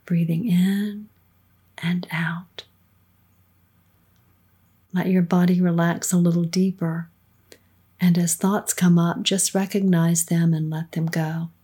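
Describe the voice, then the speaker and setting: A middle-aged woman with a soft, soothing, breathy voice, leading a guided meditation in a calm, unhurried manner with hushed phrase endings. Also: on the low side. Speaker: guided meditation leader, podcast co-host.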